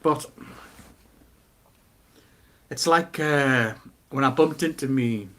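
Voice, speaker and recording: A middle-aged Geordie man from Newcastle chats casually, airing his opinions with lots of energy and rhetorical questions. His voice is medium in pitch and he takes his time. He tells stories animatedly, acting out quotes as he goes.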